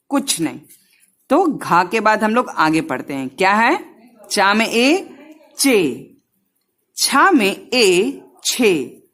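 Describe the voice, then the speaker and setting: A woman teaching young children a lesson, drawing out each syllable and repeating drills, speaking to them directly and gently. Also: medium pitch.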